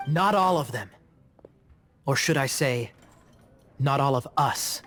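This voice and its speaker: A man voicing a sly young knight in a video game, smooth and teasing. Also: mid-range voice, expressive, slow, a bit bright, faint music behind.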